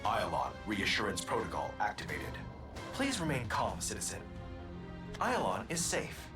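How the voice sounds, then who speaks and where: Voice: medium pitch, wildly swooping pitch, music in the background. A soothing care robot. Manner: clipped, measured robotic announcements. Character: soothing machine-like care robot, calm and polite. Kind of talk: video game character dialogue.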